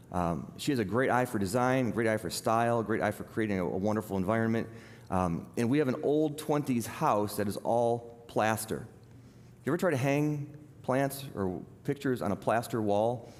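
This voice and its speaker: A man's voice: mid-range voice, a little mellow. A middle-aged man preaching a sermon as a pastor, talking in a conversational, self-deprecating storytelling way. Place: church hall. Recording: long reverb of a large hall.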